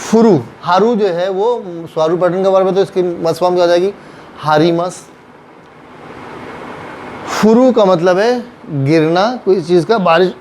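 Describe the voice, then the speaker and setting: A man with a Pakistani Urdu accent teaches in a fairly high voice. He is patient, repeats words and acts out sample lines. A faint hum sits under the recording. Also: a little mellow. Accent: Urdu-speaking Pakistani. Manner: patient, repeats phrases, acts out example sentences. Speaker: Japanese language teacher. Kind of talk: classroom lesson explaining grammar.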